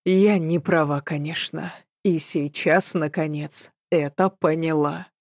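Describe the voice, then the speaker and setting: A woman reading a first-person story as an audiobook narrator, in a measured, even storytelling delivery. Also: sits low, no room sound, clean studio sound.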